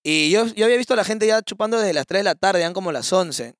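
A young Peruvian man tells a story at a quick clip, his voice sitting fairly high for a man. He talks in loose street slang and jumps into the voices of the people he quotes. The sound is dry and close. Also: clear, resonant tone, no room sound. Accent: Peruvian Spanish. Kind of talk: casual storytelling chat.

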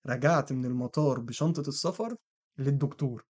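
A man's voice: medium pitch, a little fast, a little mellow. A young man with an Egyptian Arabic accent telling stories casually to friends, mixing English words into colloquial speech. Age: young adult. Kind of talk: casual storytelling among friends.

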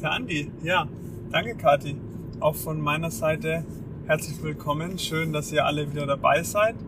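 A man in his twenties chatting casually as a podcast co-host, in degraded low-bitrate audio recorded in a moving car. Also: moderate pace. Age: 20s. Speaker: podcast co-host, master's student. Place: inside a car on the motorway. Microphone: off-mic, faulty setup. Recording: noisy moving car, distant faulty microphone. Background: road and engine noise.

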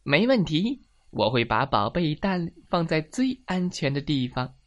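A woman's voice: deep voice, very animated, measured pace, pitched above the performer's own voice. A woman voicing a forgetful, fussy mother hen who exclaims and frets in a storybook reading. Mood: cheerful. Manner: flustered, exclaiming.

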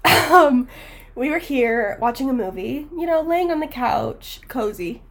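A woman with a hoarse, sick-sounding voice chats casually on a podcast. She sits a bit high in pitch with a lively, bouncing melody. Her stories come out giggly and dramatic. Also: a little slow. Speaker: podcast co-host. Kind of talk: casual chat.

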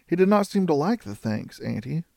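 Man doing a polite gentle young woman. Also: on the high side, very animated, moderate pace, gravelly, no echo, clean studio sound, pitched above the performer's own voice. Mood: earnest.

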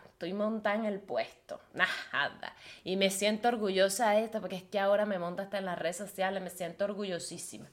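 Blunt, bright-voiced Venezuelan woman. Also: on the high side. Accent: Venezuelan Spanish. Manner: blunt, profane, frequent filler "o sea". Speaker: podcast host. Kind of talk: casual confessional monologue.

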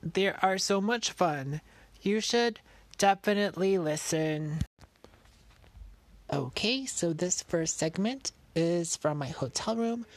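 A woman's voice: lowish voice, animated, takes it slowly, dry recording. A woman hosting an audio show, telling a personal story in a casual way. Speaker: show host.

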